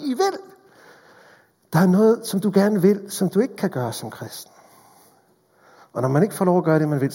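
A man preaching a sermon in a church, earnest and direct, swinging between fervent appeals and hushed, intimate passages. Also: fairly high pitch, slightly rough. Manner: earnest, rises to fervent appeals then drops to hushed tones. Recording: long hall reverb.

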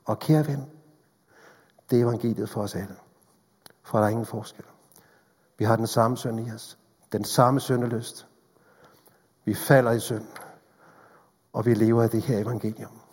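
A man preaching a sermon in a church, earnest and direct, swinging between fervent appeals and hushed, intimate passages. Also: medium pitch, fairly even intonation, pauses often, slightly rough. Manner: earnest, rises to fervent appeals then drops to hushed tones. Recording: long hall reverb.

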